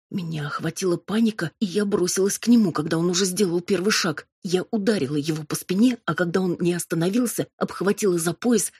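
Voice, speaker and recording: A woman reading a first-person novel as an audiobook in a measured, steady storytelling way. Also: on the low side, breathy edge, no room sound. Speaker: audiobook narrator. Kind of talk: scripted first-person narration.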